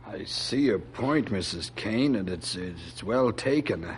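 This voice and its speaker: An actor playing a stubborn small-town sheriff in an old radio show, gruff and a little hesitant when corrected. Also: male voice, lowish voice, animated, takes it slowly. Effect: old radio show broadcast. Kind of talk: 1950s radio drama acting. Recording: faint hiss of an old radio recording.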